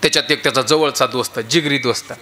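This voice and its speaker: A man's voice: mid-range voice, quick pace, very noisy. A man preaching a humorous devotional kirtan, telling stories animatedly and joking with his audience. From Maharashtra.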